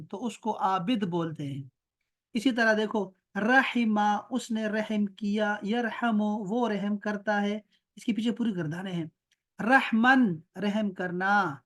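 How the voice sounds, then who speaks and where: A man with an Urdu accent leads an online grammar lesson. He explains patiently and slows right down to chant verb forms one by one. He often stops to check that his student understands. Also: high-pitched. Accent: Pakistani Urdu. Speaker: Arabic grammar teacher.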